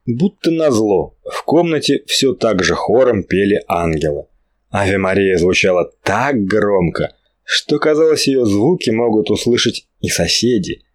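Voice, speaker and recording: A man narrating a story in a measured, expressive reading. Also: on the low side. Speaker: audiobook narrator. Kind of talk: scripted narration.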